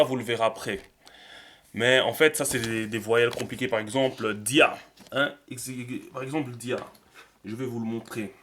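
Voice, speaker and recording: A man explaining a writing system in a relaxed screen tutorial, thinking aloud with many fillers. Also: medium pitch. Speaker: teacher.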